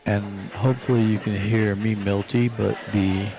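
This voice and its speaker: A man commenting live on a pool match in a relaxed, explanatory way, recorded in a pool hall right next to the table. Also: fairly low pitch, moderate pace. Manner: relaxed, explanatory, repeats phrases.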